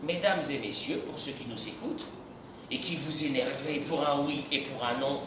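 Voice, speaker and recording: A man, a rabbi, preaching a lively sermon, acting out everyday exchanges and breaking into shouts. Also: on the high side, moderate pace, noisy background. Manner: animated, acts out dialogues, bursts into shouts. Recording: echoey room from far off.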